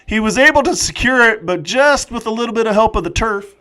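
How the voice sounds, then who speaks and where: A man doing live play-by-play football commentary, excitable and jokey with rambling asides. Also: sits high, a little fast.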